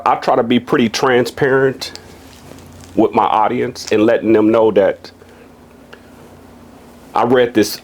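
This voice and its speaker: A man's voice: fairly low pitch, a little mellow. A man of forty, from Kansas City, hosting a podcast interview in a casual, upbeat way and often checking in with "you know what I'm saying.". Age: 40s. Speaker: podcast host.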